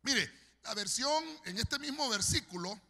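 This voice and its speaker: A man's voice: extremely high pitch, expressive, a little slow, pushed and bright, big-room sound. A man preaching a sermon as pastor, fervent and storytelling, addressing the congregation directly. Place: large church hall.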